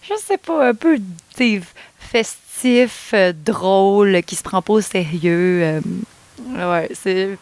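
A woman's voice: mid-range voice, takes it slowly, clean tone, no echo. Laughing Québécois woman singer guest. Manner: animated storytelling, laughs easily, lots of fillers. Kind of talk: casual interview chat.

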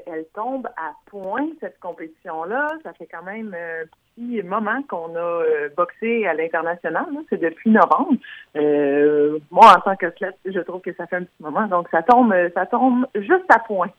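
A woman answering interview questions as a guest boxer, relaxed and hesitant with fillers. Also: on the low side, moderate pace, no room sound. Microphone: phone. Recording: tinny phone line.

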